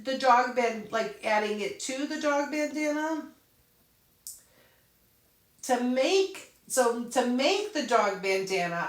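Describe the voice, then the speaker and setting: With a fairly bright voice on the high side, an English-speaking woman runs a relaxed live Q&A about crafts, answering viewers while showing things on her computer, musing aloud and frequently laughing. The mic is a bit far away, giving a roomy echo.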